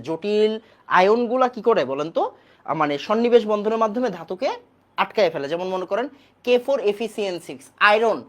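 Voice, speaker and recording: Woman, online chemistry lecturer who repeats and quizzes. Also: mid-range voice. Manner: repeats key points and quizzes the class. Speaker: chemistry teacher.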